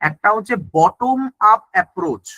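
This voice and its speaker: Bright, high-voiced man teaching a class. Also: expressive, normal speed, dry recording, rough recording. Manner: explains in Bengali mixed with English terms, checks understanding with "ঠিক আছে?". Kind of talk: exam-prep lecture.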